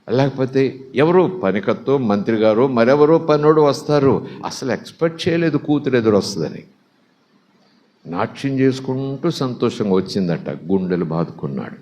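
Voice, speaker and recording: A man's voice: on the low side, warm tone, highs cut off. A man preaching a sermon, telling a story dramatically with acted-out quotes and exclamations of praise. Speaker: pastor.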